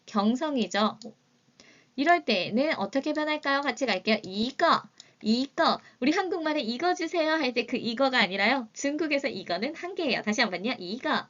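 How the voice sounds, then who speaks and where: A woman teaching Chinese vocabulary in an online lesson, drilling words slowly for learners to repeat. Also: sits high, a bit bright, muffled recording.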